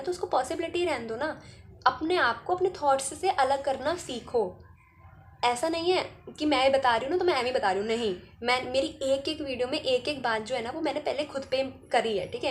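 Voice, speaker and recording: A woman's voice: sits high, a little hiss or hum. A woman giving casual spiritual self-help advice, chatty and often checking in with "ठीक है?". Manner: chatty, keeps adding "ठीक है?". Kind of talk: casual advice talk to camera.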